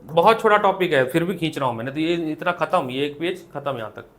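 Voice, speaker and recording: High-voiced Indian man teaching physics. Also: animated, fast, a bit bright. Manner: asks questions and answers them himself. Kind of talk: classroom lecture. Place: classroom with students.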